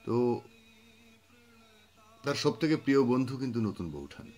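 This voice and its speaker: Unhurried male poetry storyteller. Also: medium pitch, very animated, a little mellow, faint music behind. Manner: unhurried storytelling with thoughtful pauses and fillers. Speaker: poetry reader and speaker. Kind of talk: reflective spoken commentary on poetry.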